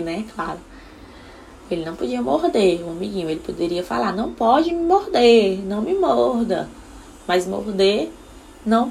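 A woman's voice: medium pitch, vocal fry, a little mellow, a little hiss or hum, low-quality recording. A young mother tells a personal story in a casual way and acts out what she said to her son.

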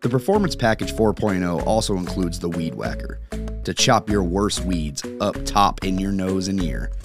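A man with a low voice delivers a scripted sponsor read as a podcast host. Music plays clearly behind him.

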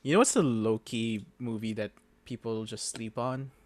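A man's voice: mid-range voice, moderate pace. A young man co-hosting a casual podcast chat, laid-back, stammering and restarting his sentences. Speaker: podcast co-host.

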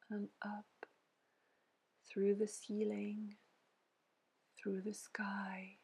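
In a near-whisper that is soft and breathy, a woman leads listeners through a scripted guided meditation, calming them gently with short phrases separated by pauses. She has a mid-range voice.

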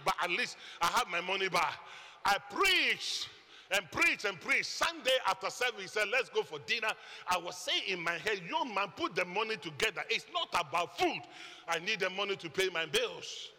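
A Ghanaian man preaching a sermon testimony, telling his story with lively quoted voices. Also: high voice. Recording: echoey hall reverb.

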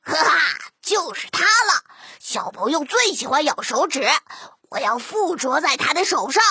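A woman voicing a boastful male cartoon virus villain in a children's storybook audio drama, cackling and shouting. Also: sing-song, measured pace, no room sound, studio quality, full character voice. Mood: scheming. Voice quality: high, cackling. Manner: shouting, bragging, stammers when thwarted.

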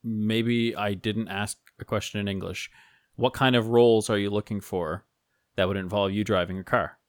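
A man hosting a podcast who asks dry, deadpan questions while playing a talent agent. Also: fairly low pitch, normal speed, dry recording. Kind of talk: casual podcast banter.

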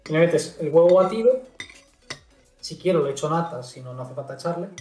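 A young man from Galicia co-hosting a podcast, animated and jokey, gesturing as he talks. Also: on the high side, a little fast. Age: young adult. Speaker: podcast co-host. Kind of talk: casual chat. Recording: roomy echo with faint music.

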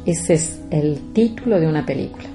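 A woman, hosting a reflective podcast and speaking slowly and deliberately straight to her listeners. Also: low-pitched, expressive, music in the background. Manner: slow, deliberate, addresses listeners directly. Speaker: podcast host.

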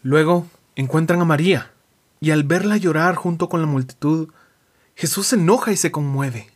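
Man, fairly high voice, unhurried preacher, leans on pauses and soft drops. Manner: reflective, slow emphatic pauses, dramatic drops in voice. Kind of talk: devotional sermon.

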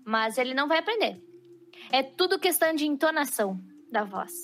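A woman, a podcast guest who chats in a lively way and laughs easily. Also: high voice, brisk, a little hiss or hum. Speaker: podcast guest, streamer and voice actress. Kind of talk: casual chat.

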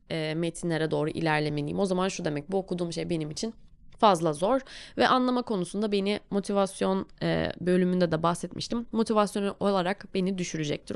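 A woman with a Turkish accent giving a casual lesson as an English teacher, talking the learner through each step in a lively way. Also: on the low side, gravelly, no room sound.

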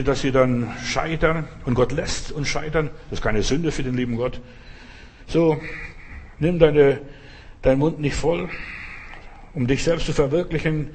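Husky-voiced man preaching conversationally. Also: on the high side. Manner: conversational, provocative preaching, often asks "verstehst du?". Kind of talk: sermon.

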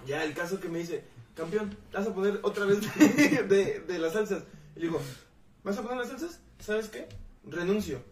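A man's voice: high-pitched, normal speed, recorded from a distance, crowd noise. A young man with a Mexican accent, telling a story among friends, swearing freely and acting out the lines of the people in it. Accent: Mexican Spanish. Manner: animated, swearing freely, acts out dialogue. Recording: roomy sound, somewhat off-mic.

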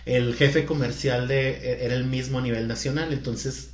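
A man's voice: mid-range voice, fairly even intonation, moderate pace. Chatty man, echoey room. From Culiacán, Mexico. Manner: chatty, explanatory, laughs easily. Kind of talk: casual chat.

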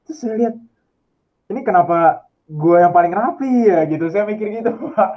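Young male student, from Indonesia, chatty and animated; tinny phone-line sound. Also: high voice, a little fast. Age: young adult. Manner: chatty, animated storytelling with laughs. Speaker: student abroad. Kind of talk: casual video call chat. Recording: tinny phone-like call audio.

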